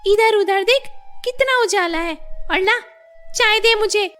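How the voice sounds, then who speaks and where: A woman voicing a deaf, quarrelsome old mother-in-law in a cartoon story, shouting and scolding. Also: unhurried, soft background music. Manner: shrill, scolding, shouts and wails.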